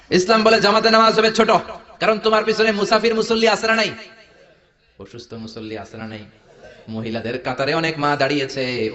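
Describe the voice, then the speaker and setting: A man with a Bangladeshi Bengali accent preaching a sermon, jokey and animated, firing rhetorical questions at the crowd. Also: a little high. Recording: echoey hall, dull lo-fi sound.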